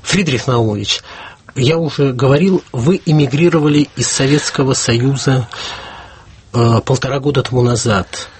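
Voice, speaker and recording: A man's voice: mid-range voice, normal speed, slight background noise. A man interviewing a writer on the radio, formal in tone, explaining things to the listeners.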